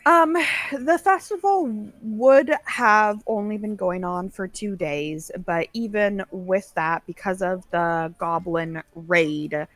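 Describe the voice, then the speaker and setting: A woman's voice: mid-range voice, slow, few pauses, no echo. A woman narrating as game master of a tabletop game, easygoing and conversational. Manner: relaxed, conversational narration with fillers. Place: home stream setup.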